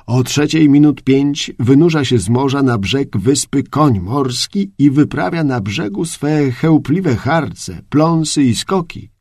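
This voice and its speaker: A man voicing an earnest royal horse groom, loud and raised. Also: mid-range voice, expressive, slow, hardly any pauses, no room sound, clean studio sound. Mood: explaining. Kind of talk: audiobook character reading.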